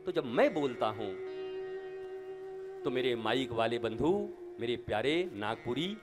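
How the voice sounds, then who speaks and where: A man's voice: medium pitch, animated, unhurried, music in the background. A man giving a devotional sermon as a guru, conversational but turning emphatic and rhythmic with repetition. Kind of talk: devotional sermon before an audience, with anecdotes.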